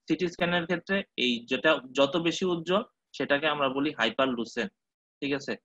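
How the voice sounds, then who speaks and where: A man gives a medical lecture in a bright, forceful voice pitched a little high. He keeps stopping to check that his students follow and slips English terms into his explanations. The sound is dry and close, with a slightly dull tone. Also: fast talker, no echo. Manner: mixes English terms, checks in with listeners often.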